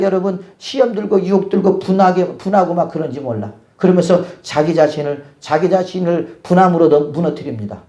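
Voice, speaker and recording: High gravelly voice of a preaching man. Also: dark tone. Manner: asks the congregation rhetorical questions again and again. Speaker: pastor. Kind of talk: sermon.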